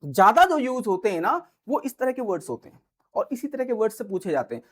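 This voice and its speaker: A man teaching English grammar, who reads example sentences slowly and keeps checking that students follow. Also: high-pitched, sing-song. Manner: slow, drawn-out reading of English example sentences; explains patiently, with frequent check-ins to students. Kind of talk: grammar lesson in Hindi.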